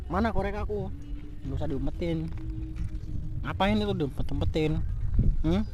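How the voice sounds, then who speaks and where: A man's voice: fairly high pitch, natural voice. A man playing a furious young man who scolds and curses his cheating fiancée in a scripted street drama. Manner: angry scolding, cursing. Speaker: jilted fiancé.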